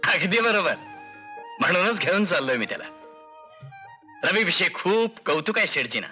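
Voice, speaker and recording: A man's voice: high voice, sing-song, moderate pace, pushed and bright, soft background music, heavily acted. An actor playing a cheerful, proud father who laughs easily in an old film. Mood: jovial. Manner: jovial, laughing, affectionate.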